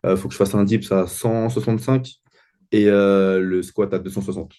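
A man talks as an interview guest in a low voice, humble and a little hesitant. He often pauses to think before finishing his sentences. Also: flat delivery, warm tone. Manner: modest, hesitant, many "euh"s. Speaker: guest athlete. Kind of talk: casual interview chat.

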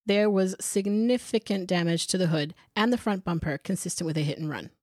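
Female podcast co-host on the lower side, dry studio sound, sarcastic and plain-spoken true crime storytelling. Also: a little fast, a little mellow, no echo. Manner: blunt, sarcastic, sweary. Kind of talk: true crime narration with casual banter.

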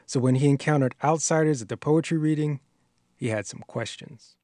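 A man narrating a documentary in a measured, scripted, explanatory way. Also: a little high, a little mellow, no room sound, clean studio sound.

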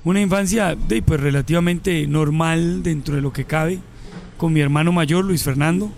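Man, forties, Colombian accent, relaxed guest storyteller, raspy gravelly tone, slightly high voice. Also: moderate pace, slight background noise. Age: 40s. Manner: relaxed storyteller, mixes local slang. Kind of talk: casual interview storytelling.

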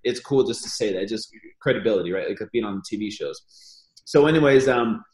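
A man with a lowish voice talks fairly quickly in a roomy-sounding space. He's a podcast guest in a casual conversational interview, telling his story in a relaxed way with lots of fillers.

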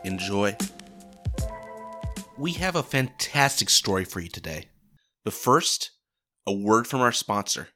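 A man's voice: lowish voice, very animated, measured pace, long pauses, sharp tone, full character voice. A man voicing a disembodied brain in a jar who hosts eerie audio tales, a theatrical, sly showman. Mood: grandiose. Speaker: host. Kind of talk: scripted podcast narration. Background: music.

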